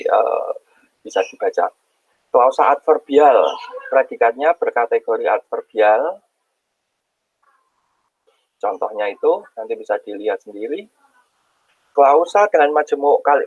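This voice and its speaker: A man's voice: mid-range voice, no echo, lo-fi sound. A male university lecturer speaking with a tinge, giving an informal online lecture with many fillers and acted-out example sentences.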